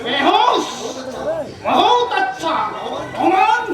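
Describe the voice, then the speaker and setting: A commanding villainous abductor voiced by a woman gives curt orders in a very high voice. The stage declamation is urgent and brisk, echoing amid loud crowd noise. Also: lively intonation, recorded from a distance, heavily acted. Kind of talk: loud declamatory Bengali jatra stage acting.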